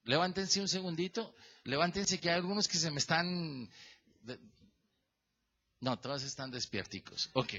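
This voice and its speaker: A pastor preaches in a bright, high man's voice that leaps up and down as he walks through a verse. He keeps questioning the congregation and calls on people by name. The recording sounds dull and lo-fi. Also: normal speed. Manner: lively and animated, stretching the verse phrase by phrase. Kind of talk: sermon.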